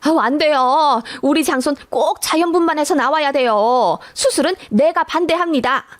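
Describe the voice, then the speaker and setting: A woman's voice: normal speed, no echo, close to an everyday voice. A woman doing a bossy grandson-obsessed mother-in-law. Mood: shrill demanding. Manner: bossy, nagging, shrill when angry.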